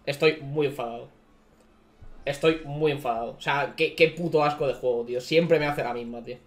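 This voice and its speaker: A man's voice: mid-range voice, moderate pace. A man with a Spain Spanish accent, ranting and swearing repetitively as he reacts to game summons. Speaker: gaming streamer. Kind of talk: gacha summon reaction commentary.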